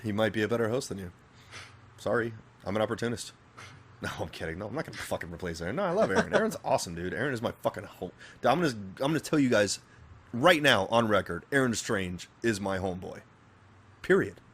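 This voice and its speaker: His voice is low and breathy-edged, and he speaks fast as he co-hosts a casual podcast. This general American-accented man from Northern Virginia jokes crudely, swears, and stays animated with his co-host.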